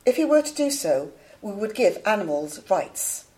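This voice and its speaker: A woman playing a composed academic in a scripted debate, formal and measured. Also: medium pitch, sing-song, mellow, lightly acted, low-quality recording. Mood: composed, reasoning. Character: composed female academic debater defending animal equality. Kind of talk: scripted studio debate for a listening exam.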